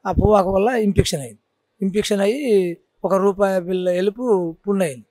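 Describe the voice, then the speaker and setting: A man's voice: sits high, brisk, dark tone, no echo. A man with a Telangana Telugu accent, a folk storyteller telling his cancer story in an interview, earnest and repeating his points. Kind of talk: casual interview.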